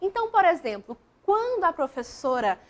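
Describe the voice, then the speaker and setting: High-voiced woman teacher explaining step by step. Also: very animated, moderate pace. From Brazil. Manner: explains step by step, often asks the class questions and points to examples. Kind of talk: classroom lesson explanation.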